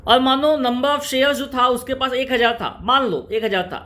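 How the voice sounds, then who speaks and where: A man teaching company accounts, repeating key terms slowly and firing rhetorical questions at his students. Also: very high-pitched, bright, forceful tone. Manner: repetitive, drilling, slows right down to spell out key terms. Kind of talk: classroom-style lecture in Hindi-English mix.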